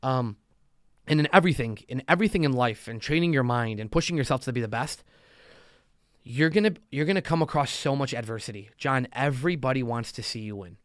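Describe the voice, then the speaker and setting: A man's voice: medium pitch, brisk, dry recording, studio quality. A man talking as a podcast guest, telling stories in a loose chatty way and acting out the voices of the people he quotes. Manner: animated storyteller, acts out quotes. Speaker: podcast guest, loan officer. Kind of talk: casual conversation.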